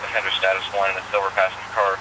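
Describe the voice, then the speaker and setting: Male police radio voice, terse and procedural, rapid and monotone, over clear outdoor vehicle noise. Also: deep voice. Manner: terse, procedural, uses number codes. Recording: noisy outdoor bodycam with vehicle sounds.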